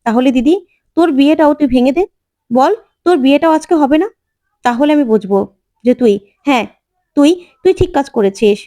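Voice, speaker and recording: A woman voicing a stubborn young woman desperate to be married, shrill and insistent. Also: expressive, normal speed, long pauses, dark tone, dry recording, studio quality.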